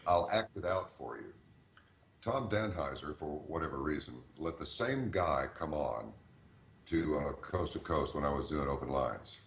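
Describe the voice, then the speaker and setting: Very deep-voiced radio host, folksy. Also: male voice, measured pace, reverberant, a little hiss or hum. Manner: folksy, animated storyteller who acts out callers. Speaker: radio host giving advice. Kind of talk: conversational advice in an online Q&A.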